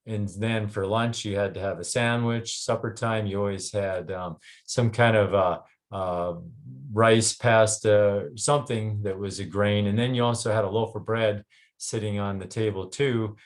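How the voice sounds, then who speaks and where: Halting Canadian man, lowish voice. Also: steady tone. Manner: halting, frequent ums and restarts. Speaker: health clinic doctor. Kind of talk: casual presentation to a group.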